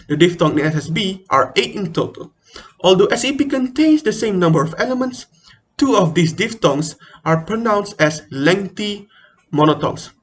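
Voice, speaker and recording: A man's voice: high voice, fairly bright tone, breathy edge. A man giving a formal, scripted presentation as a student presenter.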